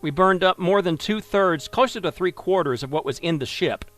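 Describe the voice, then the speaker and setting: A man's voice: high-pitched, normal speed, a bit bright, soft background music. Wry man streaming a space game. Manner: wry, self-deprecating, thinking aloud. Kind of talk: live gameplay commentary.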